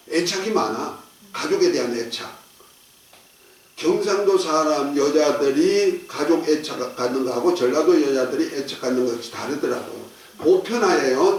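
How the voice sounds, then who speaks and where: A man preaching a sermon as a pastor, folksy and joking, leading the congregation in call and response. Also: a little high. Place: church sanctuary. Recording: echoey church hall, distant mic.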